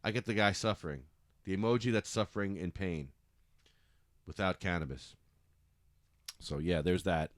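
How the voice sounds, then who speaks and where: A man with a low voice hosts a casual call-in podcast, walking a caller through a website at a normal speed with frequent pauses. He gets frustrated and flares up, swearing and then apologizing. The studio-quality recording has no room sound.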